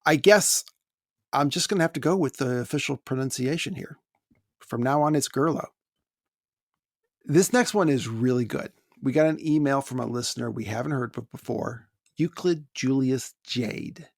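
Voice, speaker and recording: A man's voice: medium pitch, normal speed, no echo. Male American podcast co-host, casual chat, dry close-miked sound, wry asides between read-out emails. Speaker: podcast co-host reading listener mail. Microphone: close podcast microphone.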